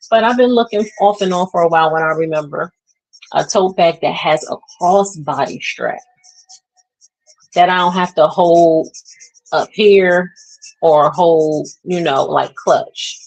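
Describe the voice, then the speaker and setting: A woman's voice: fairly low pitch, a little slow, long pauses, rough recording. A woman in her thirties, a vlogger chatting casually to her viewers, rambling and trailing off as she searches for words. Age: 30s. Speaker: beauty vlogger. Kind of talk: casual chat to camera.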